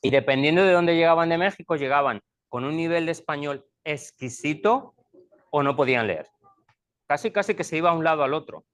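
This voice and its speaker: A middle-aged school leader with a fairly quick, slightly bright, higher-pitched voice addresses parents. He explains things and repeats each point in two languages during this bilingual presentation.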